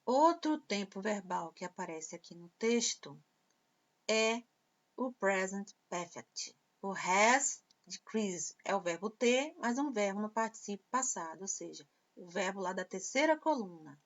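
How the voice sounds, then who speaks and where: A woman teacher explaining English grammar slowly and patiently. She repeats example phrases and translates them. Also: medium pitch, lively intonation. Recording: dull lo-fi sound.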